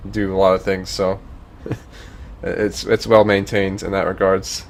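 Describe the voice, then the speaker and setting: A man's voice: deep voice, flat delivery, takes it slowly, vocal fry. Rambling, profane male streamer. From Northern Virginia, US. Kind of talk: casual stream chat.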